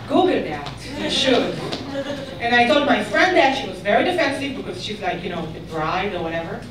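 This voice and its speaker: A woman from Israel with an Israeli accent doing a stand-up comedy set, deadpan and ironic with bursts of mock outrage. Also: mid-range voice, a little fast, a crowd in the background. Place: comedy club stage. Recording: echoey club, mic far away, audience noise. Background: audience laughter.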